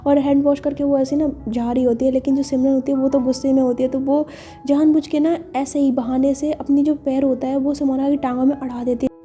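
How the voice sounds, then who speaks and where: A woman's voice: high-pitched, little pitch movement, fairly quick, warm tone, faint music behind. A woman telling a romance story in a chatty, casual way, full of fillers.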